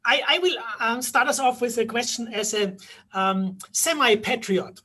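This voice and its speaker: Woman, webinar moderator, husky, fairly high voice, slow with fillers, video call. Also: animated, sharp tone. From Austria. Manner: slow and deliberate, with frequent fillers. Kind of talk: hosting a webinar Q&A.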